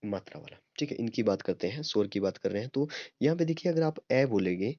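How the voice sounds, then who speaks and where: A man's voice: lowish voice, expressive, fast, warm tone, no echo. A young man teaching a step-by-step online grammar lesson, often checking in with listeners and sounding out vowels to demonstrate them. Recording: dry, slightly dull home recording.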